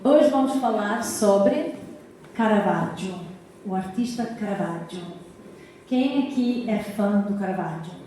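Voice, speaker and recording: An American woman historian from Massachusetts, whose first language is English but who has a Portuguese accent from her Azorean family, gives a warm, chatty public lecture in a cultural society's hall. Her dark, mellow, medium-pitched voice is recorded far off in a very echoey room with a little hiss or hum. She asks the audience questions and often checks in with "tá?"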